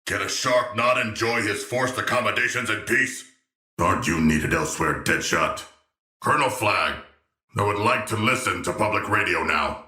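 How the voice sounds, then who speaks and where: A man's voice: fairly low pitch, lively intonation, moderate pace, bright, forceful tone, roomy sound. An actor playing a huge, earnest and naive shark-man royal in a video game, speaking in stilted, formal and solemnly literal language. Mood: bored, imperious. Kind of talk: scripted game character voice lines.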